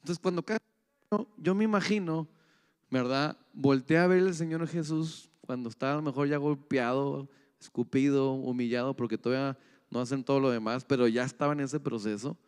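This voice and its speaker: A man's voice: medium pitch, moderate pace, darkish tone, smooth. A pastor delivering a conversational sermon, often asking his congregation questions. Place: church hall. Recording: echoey church hall.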